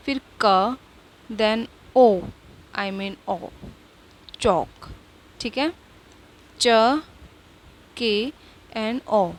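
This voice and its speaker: A woman's voice: a little high, slight background noise. A woman teaching a shorthand lesson, talking patiently and repeating each word several times, mixing English words into Hindi.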